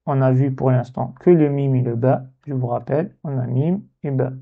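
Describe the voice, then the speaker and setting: A man teaching a lesson step by step, patient, and repeating words slowly so they can be copied. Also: mid-range voice, creaky, narrow, tinny audio. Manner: slow, patient, repeats words to model pronunciation.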